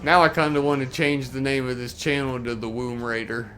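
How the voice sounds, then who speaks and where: A man's voice: mid-range voice, steady tone, a little fast, a bit bright, soft background music. A middle-aged man streaming a video game, chatting casually and joking, cursing at the game now and then. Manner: laid-back, joking, swearing at the game. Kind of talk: casual gaming stream chat.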